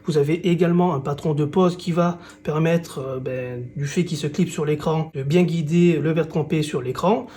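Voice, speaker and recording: A man presenting and unboxing phone accessories in a casual, relaxed way, with frequent fillers. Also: fairly high pitch, normal speed, few pauses. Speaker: tech reviewer.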